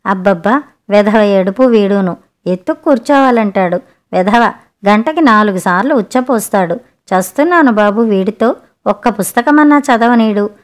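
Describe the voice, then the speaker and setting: A woman's voice: mid-range voice, moderate pace, lightly acted. A woman voicing an irritable, short-tempered young sister-in-law in a read-aloud story, snapping impatiently. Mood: fed up.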